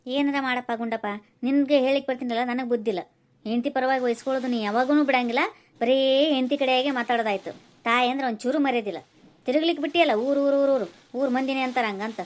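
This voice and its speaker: This is a woman voicing a scolding cartoon mother from a village, sarcastic and always complaining about her son's choices. She speaks, in a high, piercing pitch. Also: fairly quick, lightly acted. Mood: angry. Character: nagging middle-aged village mother, sharp-tongued. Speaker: voice actor. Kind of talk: cartoon voice acting.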